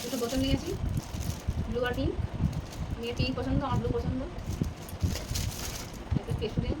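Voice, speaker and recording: Chatty woman vlogging over loud household noise. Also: high voice, fairly quick. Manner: chatty, addresses viewers as friends while showing things. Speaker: home vlogger. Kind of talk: casual home vlog chat. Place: home, kitchen. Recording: loud home background noise.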